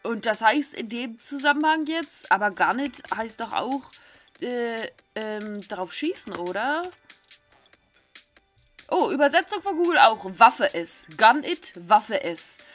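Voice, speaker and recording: Slow-paced and lively in intonation, this middle-aged German gaming host has a slightly high, fairly bright voice. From her small home setup she reads the game's text into a nearby desk microphone, adding frank, chatty, rough-tongued commentary while game music plays.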